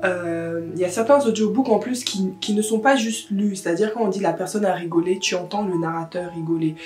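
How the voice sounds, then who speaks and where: A woman's voice: mid-range voice, fairly quick, darkish tone. A woman book vlogger chatting casually to camera, sprinkling English words into her talk. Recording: roomy echo with faint guitar music.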